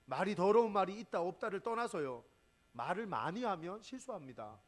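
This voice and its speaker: A man preaching a sermon as pastor. He asks the congregation rhetorical questions, and he swings between loud exclamations and quiet asides. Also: high-pitched, very animated, brisk.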